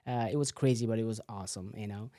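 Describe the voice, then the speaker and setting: A man's voice: on the low side, fast, mellow, dry recording. A man, a physical therapist telling his story as a guest, full of "you know" fillers. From Nepal. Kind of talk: casual interview answers.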